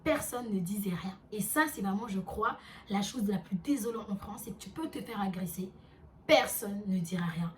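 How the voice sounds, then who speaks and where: A young woman vlogger telling a storytime, animated and chatty with lots of fillers. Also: medium pitch, moderate pace, recorded from a distance, a little hiss or hum. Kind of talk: storytime vlog.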